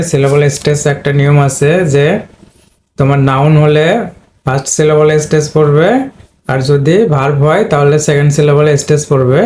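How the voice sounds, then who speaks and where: A man teaching English pronunciation, explaining step by step and slowly repeating each word. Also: a little high, darkish tone, a little hiss or hum. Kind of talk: explaining at a board.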